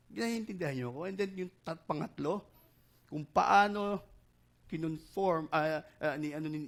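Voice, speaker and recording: A male pastor preaching a sermon, mixing Tagalog and English and often asking the congregation questions. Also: fairly high pitch. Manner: switches between Tagalog and English, quizzing the congregation.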